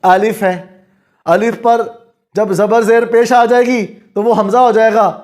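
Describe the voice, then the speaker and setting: Male recitation teacher, very high voice, self-answering questions, slow chanted examples. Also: steady tone, darkish tone. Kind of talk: explanatory lesson.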